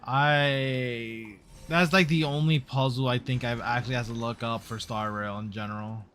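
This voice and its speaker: A man's voice: medium pitch, fairly even intonation, normal speed, a bit bright, slight background noise. A young man streaming a game, chatting casually and muttering his thoughts aloud as he plays. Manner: laid-back, muttering, thinking aloud. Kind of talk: casual gameplay commentary. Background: game music.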